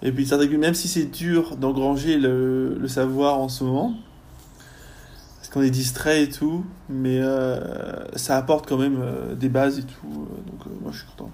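A young man, a university student, chatting casually in a podcast interview, often pausing on fillers as he thinks. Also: mid-range voice, little pitch movement, warm tone. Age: young adult. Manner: chatty, lots of hesitations and fillers.

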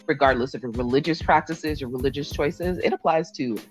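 A woman's voice: deep voice, a little fast, faint music behind. A middle-aged woman from Jamaica, a podcast guest, speaking earnestly and laughing readily in casual conversation. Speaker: podcast guest, sex and relationship content creator.

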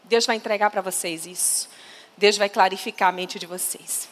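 A woman preaching to women in a lively, emphatic way, often asking the audience questions. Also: mid-range voice, moderate pace, long reverb tail, slight background noise. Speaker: speaker at a women's faith conference.

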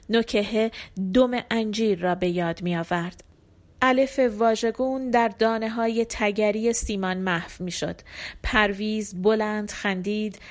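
Woman audiobook narrator with a middle-pitched voice and a measured, even read of literary fiction.

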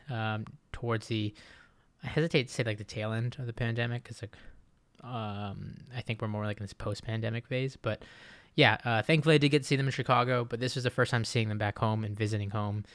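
A man in his late twenties from Japan hosts a casual solo podcast. He rambles with "like" and "um" and restarts his sentences. His voice is smooth and clear, and it is captured dry and close, with no room echo. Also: on the low side, steady tone, quick pace, a bit bright. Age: late 20s. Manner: rambling, full of "like" and "um" fillers and restarts. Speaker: podcast host.

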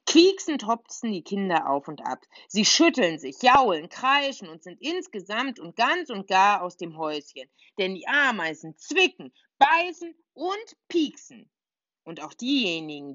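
Lively woman reading a children's story. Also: medium pitch, moderate pace, no echo, lo-fi sound. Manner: lively, playful, voices characters. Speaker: audiobook narrator. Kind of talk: expressive children's audiobook reading.

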